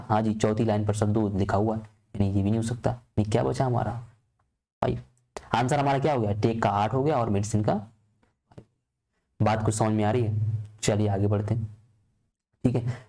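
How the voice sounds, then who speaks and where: A male tutor teaches an exam-prep lesson, asking each question aloud and then answering it himself. His voice is mellow and dark, at a middle pitch for a man. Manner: asks and answers his own questions in a steady, repetitive way. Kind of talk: exam-prep lesson explaining a reasoning puzzle.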